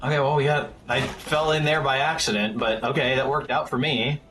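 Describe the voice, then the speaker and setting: A man's voice: medium pitch, steady tone, fairly quick, a bit bright, reverberant, slight background noise. Chatty man in his thirties streaming. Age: 30s. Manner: chatty, addresses his chat, loose and rambling. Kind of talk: casual live gameplay commentary.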